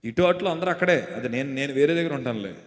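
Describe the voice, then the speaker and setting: A man preaching a sermon as pastor with a Telugu accent, leading the congregation in call-and-response and shouting refrains. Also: medium pitch, expressive, fast. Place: church hall or meeting. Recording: echoey hall reverb.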